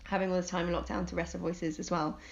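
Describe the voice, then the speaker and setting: Woman vocal coach, chatty and upbeat, lowish voice, muffled lo-fi audio. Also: little pitch movement, quick pace, gravelly. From United Kingdom. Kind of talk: podcast conversation. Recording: dull lo-fi sound.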